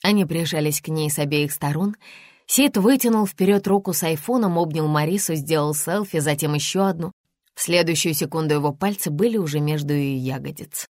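A woman narrating an audiobook in an even, measured reading. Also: deep voice, dry recording, studio quality. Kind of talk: scripted narration.

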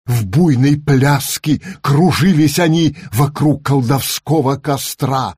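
Man reading a storybook aloud, slow and measured, dry close sound. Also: medium pitch, darkish tone, slightly rough, dry recording. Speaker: narrator.

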